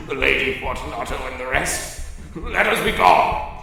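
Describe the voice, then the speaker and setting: A man's voice: mid-range voice, lively intonation, measured pace, gravelly, bright, forceful tone, heavy reverb, big-room sound, distant mic, faint music behind, pitched above the performer's own voice, full character voice. A man voicing a doomed, walled-up nobleman, desperate and pleading, in a theatrical Gothic story reading. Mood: uneasy pleading. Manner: theatrical, laughing and coughing, pleading.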